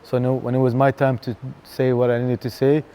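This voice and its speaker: Laid-back DJ guest, man in his thirties, dark mellow tone, filler-heavy casual talk. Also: mid-range voice, brisk. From Canada. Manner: relaxed, chatty, lots of fillers and "bro". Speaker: DJ and venue co-founder, guest. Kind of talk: casual interview chat.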